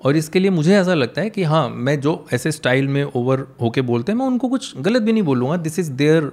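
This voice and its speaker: High-voiced man with a Punjabi tinge. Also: animated, a little fast, a little mellow. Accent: Punjabi-tinged English. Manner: storytelling, mixing Hindi and English, earnest. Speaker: English teacher. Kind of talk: casual conversation.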